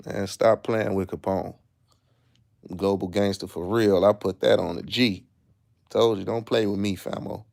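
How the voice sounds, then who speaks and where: A man's voice: on the low side, steady tone, a little slow, gravelly, darkish tone. A man with a Chicago accent hosting a live stream, ranting in a boastful, profane, streetwise way while he reads things out. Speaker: livestream host. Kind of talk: casual live commentary.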